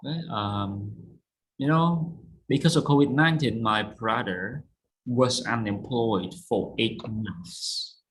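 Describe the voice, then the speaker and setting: A man's voice: medium pitch, slow, a bit bright, slight background noise, poor audio. A man teaching an online English lesson, patiently explaining words and checking understanding. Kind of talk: online vocabulary and pronunciation lesson.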